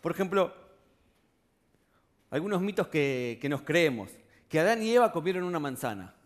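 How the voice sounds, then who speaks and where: Higher-voiced Rioplatense preacher. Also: male voice, very animated, moderate pace. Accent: Rioplatense Spanish. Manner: conversational, asks the congregation rhetorical questions. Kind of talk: sermon.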